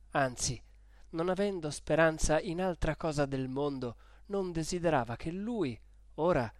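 A man narrating a classic novel in a measured, expressive reading. His voice sits a little high, and the recording is close and dry with no room sound. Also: no room sound. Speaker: audiobook reader. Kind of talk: scripted literary narration.

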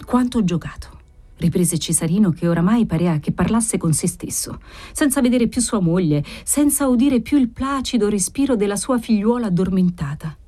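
A woman narrating a classic novel as an audiobook, in an expressive, theatrical reading style. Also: medium pitch, normal speed, soft background music.

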